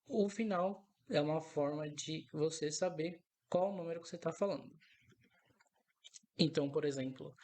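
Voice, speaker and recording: A man teaching an English lesson, explaining step by step and patiently repeating each example several times. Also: a little high. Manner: explains step by step, often checks in with "né?". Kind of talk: recorded language lesson.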